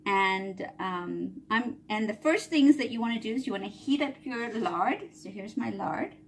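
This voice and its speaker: A woman's voice: mid-range voice, animated, unhurried, a little hiss or hum. A woman hosting a home cooking video, explaining a recipe in a casual, chatty way and often checking in with "all right?". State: coughing a little from chili fumes. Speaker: cooking channel host. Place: home kitchen.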